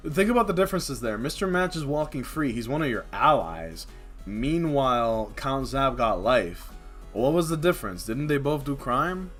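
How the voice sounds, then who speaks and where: A man's voice: medium pitch, fairly bright tone. Male game streamer, casual chat, rambling, fillers, frequent laughs, faint background music. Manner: rambling, laughs often, lots of filler words. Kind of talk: casual live-stream chat while gaming.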